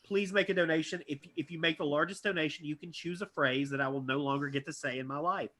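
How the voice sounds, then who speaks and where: A man hosting an online script reading, reading stage directions in an upbeat, joking way with plenty of fillers. His voice sits high and sounds very bright and sharp. He talks over a video call. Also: steady tone, fast talker. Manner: upbeat, jokey, many fillers. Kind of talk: live script reading narration and wrap-up.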